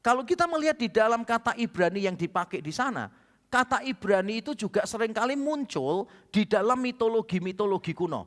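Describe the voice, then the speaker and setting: A man's voice: high-pitched, expressive, brisk. A male pastor with an Indonesian accent, preaching a sermon with humorous stories and acted-out dialogue. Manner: humorous storytelling, acts out quoted dialogue. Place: church hall. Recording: church hall reverb.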